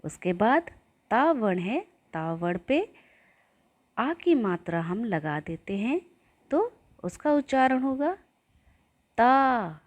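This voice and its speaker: A woman teaching young children, chanting rhymes and sounding out syllables in a slow sing-song way so they can repeat after her. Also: on the high side, sing-song, darkish tone. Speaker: primary school teacher.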